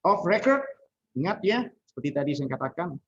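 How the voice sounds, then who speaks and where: A middle-aged man giving a university lecture, his husky voice rising and falling in lively swings as he acts out example lines. He mixes English phrases into his explanations. The recording sounds dull and lo-fi. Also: fairly high pitch, brisk. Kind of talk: university lecture on politeness strategies.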